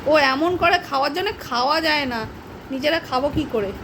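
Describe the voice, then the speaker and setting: A woman's voice: high voice, fairly quick. A woman at home coaxing her pet dog in sing-song baby talk and laughing, then chatting about its treats. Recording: noisy home recording.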